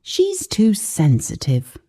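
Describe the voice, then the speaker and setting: A woman's voice: low-pitched, wildly swooping pitch, takes it slowly, warm tone, breathy edge, heavily acted. A curt, cold stepfather, as a woman narrator puts him on. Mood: cold, scornful. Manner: curt and dismissive. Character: stern, cold stepfather, adult man.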